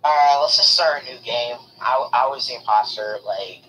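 A man's voice: medium pitch, moderate pace, pushed and bright, poor audio. A man rambling defensively in casual voice chat during an online game, full of fillers and restarts.

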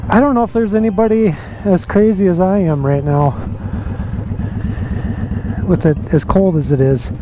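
High-voiced American man behind a helmet face shield. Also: moderate pace, long pauses. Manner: mildly swearing, self-deprecating. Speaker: motovlogger. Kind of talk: casual chat while riding. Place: outdoors on a motorcycle on night city streets. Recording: engine and traffic noise behind.

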